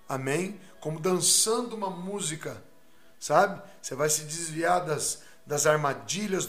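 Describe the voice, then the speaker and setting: Brazilian male preacher, high voice, exhortative teaching, echoey room with music under it. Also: a bit bright. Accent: Brazilian Portuguese. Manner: exhortative, keeps asking "amém?" and "tá?" of listeners. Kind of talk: recorded spiritual warfare teaching.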